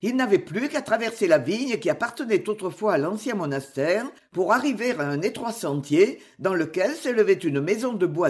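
An audiobook narrator with a mid-range voice reads a classic novel aloud. The scripted narration is measured and expressive.

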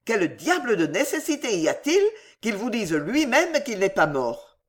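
A reader doing a blunt, bossy old gentleman. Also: extremely high pitch, very animated, moderate pace, pitched above the performer's own voice, heavily acted. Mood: brusque. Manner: blunt, calling out. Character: brusque older country gentleman, blunt, bossy.

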